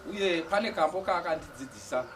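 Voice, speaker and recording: A man gives a heartfelt church testimony at a quick pace, often stumbling and restarting his words. His voice sits a little high. He is caught by a distant mic over faint outdoor sounds, birds among them. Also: lively intonation, music in the background. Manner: halting, restarts words, emotional. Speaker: evangelist giving testimony.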